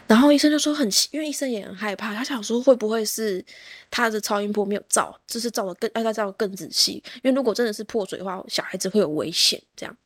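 A woman telling a story in casual chat, animated, laughing often and acting out what people said. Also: medium pitch, quick pace, dry recording, clean studio sound. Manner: animated, laughs often, acts out quoted speech.

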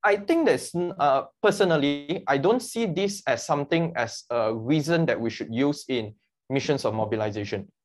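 A man's voice: on the high side, animated, normal speed. A man speaking as a guest about his work as a mission mobilizer, earnest and explaining with analogies. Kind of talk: conversational interview.

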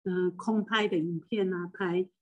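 A woman's voice: lowish voice, fairly even intonation, a little slow, darkish tone, lo-fi sound. Older woman with a Taiwanese Mandarin accent. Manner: rambling and emotional, with frequent restarts. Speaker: spiritual medium and hypnotist. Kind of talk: personal reflective monologue.

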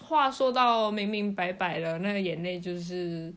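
A woman's voice: lowish voice, steady tone, normal speed, fairly bright tone. A woman with a Taiwanese accent chatting casually and playfully as a guest on a podcast. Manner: playful, bantering. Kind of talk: casual chat.

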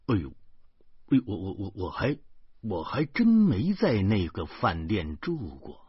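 A man performs a full character voice of a pompous, show-off man in his thirties who stammers constantly and speaks with a Beijing accent. His fairly low, husky voice swings hugely in pitch at a measured pace. The recording is dry, dull and lo-fi.

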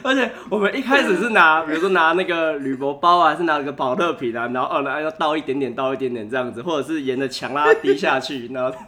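A man's voice: on the high side, fast, hardly any pauses, background noise. A young man with a Taiwanese Mandarin accent, a podcast guest telling funny stories in casual chat and laughing often.

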